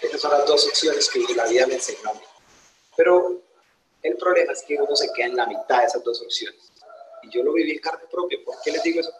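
A man's voice: on the high side, a little fast, a little hiss or hum. Emphatic young Colombian man, echoing room. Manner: emphatic storytelling with rhetorical questions to the audience. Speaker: motivational speaker. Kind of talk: motivational personal testimony to an audience. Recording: roomy echoing venue.

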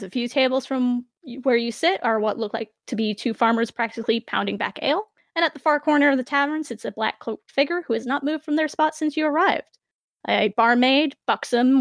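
A woman with a fairly high voice narrates a tabletop fantasy game. She works as game master, setting scenes in a measured, dramatic way. The sound is dry, with little room in it. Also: no echo.

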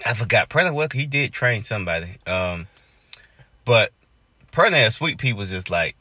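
A man's voice: on the low side, very animated, normal speed, bright, forceful tone, no room sound. A man, co-hosting a casual podcast chat, rambling with lots of fillers. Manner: laid-back, rambling with many fillers. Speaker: podcast co-host.

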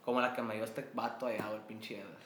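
Animated Mexican man telling a story. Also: fairly low pitch, fast talker, roomy sound, slight background noise. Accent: Mexican Spanish. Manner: slangy, animated, laughs often. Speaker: guest entrepreneur. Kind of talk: casual storytelling over beers.

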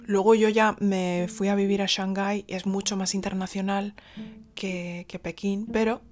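A woman's voice: medium pitch, flat delivery, normal speed, darkish tone, soft background music. A woman from Spain, telling a personal story in a casual, rambling way with many fillers and restarts.

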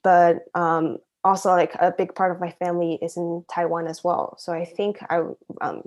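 A young adult woman from Shanghai, China, speaks at normal speed in a fairly low, flat, slightly mellow voice. As a university student interview guest she's chatty and giggly, repeatedly saying "like" while telling personal anecdotes in casual conversation.

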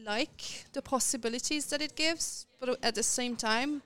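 A woman who works as a voice actress, talking casually as a podcast guest in animated bursts with frequent restarts. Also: sits high, moderate pace, clear, resonant tone. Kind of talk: casual conversation.

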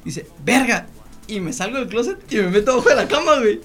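A young man with a Mexican accent, telling a story in a relaxed, slangy way and laughing often. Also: high voice, rapid-fire. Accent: Mexican Spanish. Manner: laid-back, slangy, often laughing, acts out quoted voices. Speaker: podcast co-host. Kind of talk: casual storytelling chat.

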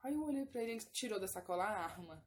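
A young woman chatting casually with friends and telling animated stories, acting out what people said. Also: medium pitch, racing, a little hiss or hum. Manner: lively storytelling with acted-out lines. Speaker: storyteller in group chat. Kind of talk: casual chat.

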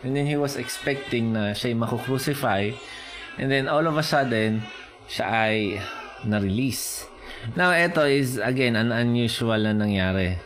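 A man preaching a sermon in mixed Filipino and English, explaining slowly and often checking in with his listeners. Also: mid-range voice, fairly bright tone, faint music behind. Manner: Taglish preaching, slow and explanatory, rising with emphasis.

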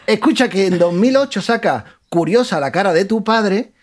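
High-voiced guy hosting radio, laughing, doing mocking voices. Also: animated, normal speed. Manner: joking, frequent laughter, mocking falsetto imitations. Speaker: radio host. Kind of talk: humorous music commentary.

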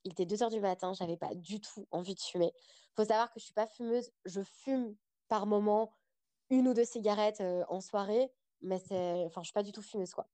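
A woman's voice: mid-range voice, fairly quick, dry recording. Chatty young woman telling a story. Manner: chatty, animated storytelling with frequent fillers. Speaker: podcast guest. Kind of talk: casual storytelling interview.

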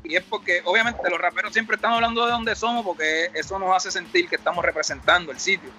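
A man's voice: high voice, fairly even intonation, fast talker, sharp tone, soft background music. A middle-aged man with a Puerto Rican Spanish accent, a rapper telling his story in a casual interview, rambling and reflective, acting out the dialogue he quotes. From Puerto Rico.

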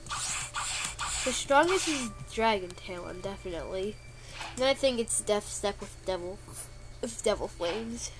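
A medium-pitched, sniffly woman speaks slowly and expressively, pausing often, amid a noisy background and loud game music. As a gameplay creator, she chats aimlessly while playing and lets out playful complaints whenever she gets hit.

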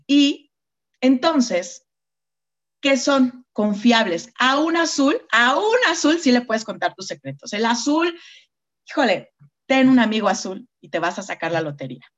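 A woman with a Mexican accent giving a mentoring talk, expressive and repeating words for emphasis. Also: fairly high pitch, lo-fi sound.

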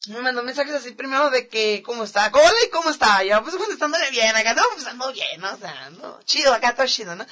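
A man's voice: extremely high pitch, animated, fast talker, hardly any pauses, pushed and bright. Slangy young Mexican man telling stories. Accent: northern Mexican. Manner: slangy storytelling, laughs often. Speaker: podcast co-host. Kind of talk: casual chat.

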